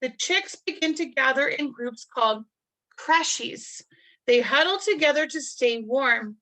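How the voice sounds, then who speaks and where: A woman reading a picture book aloud to children, marveling in a gentle, teacherly way and adding chatty asides to explain things. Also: high voice, lively intonation, a little slow, rough recording. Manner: adds chatty explanatory asides between passages.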